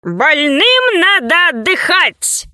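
A woman voicing a sorrowful, courteous male doctor who speaks slowly and deliberately. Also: extremely high pitch, big pitch swings, bright, forceful tone, dry recording, studio quality, pitched above the performer's own voice, heavily acted.

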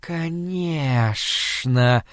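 A man voicing a menacing, hungry undead monster that speaks in a low hiss. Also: extremely slow, no room sound, studio quality. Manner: low hissing.

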